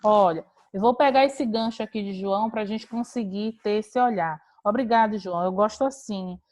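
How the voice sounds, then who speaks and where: A woman's voice: mid-range voice, normal speed, darkish tone. A woman teacher giving an online class on a video call, explaining step by step with patient rhetorical questions.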